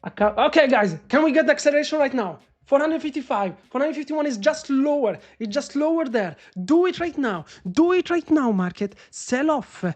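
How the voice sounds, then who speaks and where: A man doing live trading commentary on a stream, excitable and swearing as he talks to the market. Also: very high voice, fairly quick, few pauses. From Morocco. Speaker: day trader live-streaming.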